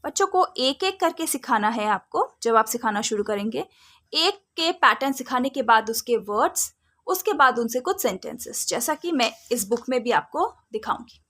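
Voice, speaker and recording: A woman giving a phonics lesson to parents, drawing out and sounding out letters slowly. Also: fairly high pitch, expressive, a bit bright. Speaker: phonics teacher.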